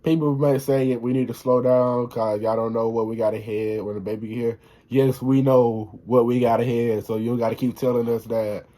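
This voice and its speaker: A man's voice: medium pitch, little pitch movement, normal speed, warm tone. A young man chatting casually in a vlog, slangy and protective as an expecting father. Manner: laid-back slangy talk, protective. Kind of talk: casual chat.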